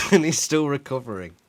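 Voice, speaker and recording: A man co-hosting a casual watch-along chat, teasing his friend and laughing easily. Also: medium pitch. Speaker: co-host.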